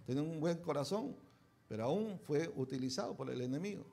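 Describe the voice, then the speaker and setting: A man's voice: on the high side, expressive, fairly quick, dark tone. A pastor preaching a conversational sermon, often checking in with his listeners with short tag questions.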